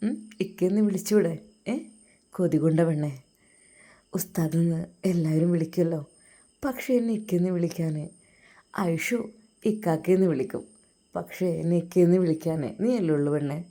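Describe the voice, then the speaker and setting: Woman putting on a lower, hoarse doting husband. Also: moderate pace, long pauses, dark tone, lightly acted. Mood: coaxing. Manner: coaxing, affectionate, murmuring. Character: tender doting young male religious teacher husband.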